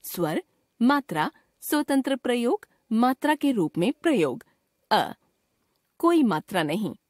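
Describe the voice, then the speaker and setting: A woman teacher reading a grammar lesson aloud in a measured, dictating way, listing examples one at a time. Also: fairly high pitch, very animated, a little mellow, no echo, studio quality.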